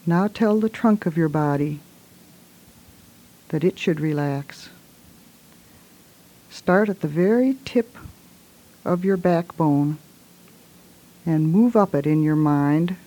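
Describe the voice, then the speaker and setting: A woman leads a guided relaxation in a soft, hushed voice, giving gentle, soothing instructions in short phrases. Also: on the low side.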